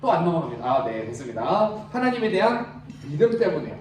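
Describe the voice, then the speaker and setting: A man with a high voice preaches to a youth group, pausing to ask questions and draw the room into answering. He is picked up from a distance in a large, very echoey retreat hall. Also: big pitch swings. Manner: asks the crowd questions and leads them in reading aloud. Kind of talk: interactive sermon. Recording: very echoey hall, mic far off.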